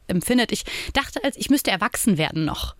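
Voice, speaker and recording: A woman's voice: medium pitch, lively intonation, a little fast, no room sound, studio quality. A woman in her thirties, a podcast guest, talking openly and reflectively about her own life, often adding tag questions. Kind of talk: candid personal interview talk.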